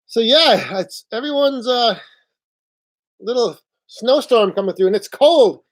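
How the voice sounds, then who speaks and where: A man hosting a casual live stream from home on his phone, rambling along in a relaxed way and reading out viewer chat. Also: very high-pitched, unhurried. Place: indoors at home.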